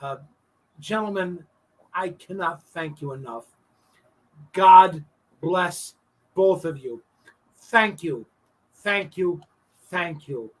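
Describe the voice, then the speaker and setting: A man's voice: high-pitched, lively intonation, takes it slowly, long pauses, recorded from a distance, low-quality recording. Effusive heartfelt man in his fifties. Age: 50s. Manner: effusive, heartfelt, repeats himself. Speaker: show host. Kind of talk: emotional casual chat.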